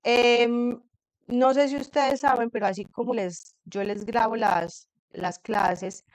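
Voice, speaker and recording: A woman teacher explaining a class assignment to her students in a patient way, reading English example sentences slowly and carefully. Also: on the high side, steady tone, no echo, low-quality recording. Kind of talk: recorded online class explanation. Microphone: computer screen recording.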